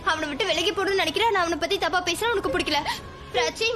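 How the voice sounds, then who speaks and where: Picture a nosy young cousin who presses with one insistent question after another, her voice very high. Serial music runs beneath her. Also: rapid-fire. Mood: probing. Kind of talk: TV serial dubbing. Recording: with music behind.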